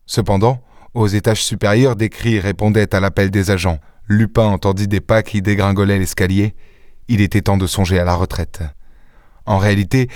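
A man narrating an audiobook in a measured, dramatic storytelling manner from a studio mic. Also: fairly low pitch, darkish tone, dry recording. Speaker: audiobook reader. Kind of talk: scripted literary narration.

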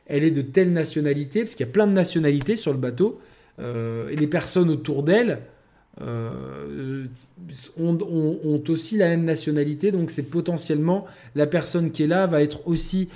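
A man with a darkish voice on the high side reviews a video game casually. He rambles, keeps restarting his sentences, and uses lots of fillers.

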